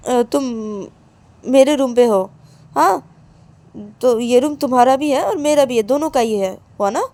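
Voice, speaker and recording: A woman's voice: high voice, a little mellow, no echo. A woman voicing Siya, a quarrelsome young wife. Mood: indignant. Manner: scolding, repeats her words. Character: young wife, quick to argue and to apologise. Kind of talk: storytelling with acted dialogue.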